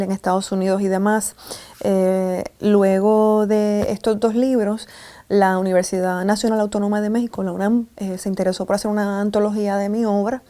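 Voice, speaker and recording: A Puerto Rican woman, a writer, talks about her books at an even pace, pausing often with fillers. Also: medium pitch. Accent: Puerto Rican Spanish. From Puerto Rico. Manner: measured, with many hesitant fillers. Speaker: writer and poet. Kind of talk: conversational interview answer.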